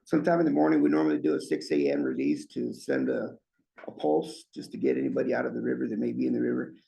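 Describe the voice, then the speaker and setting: A man's voice: mid-range voice, big pitch swings, fast, gravelly, mellow, poor audio. A man with slightly impeded speech from a swollen lip gives an informal, folksy update at a meeting as a staff presenter. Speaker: irrigation district staff presenter.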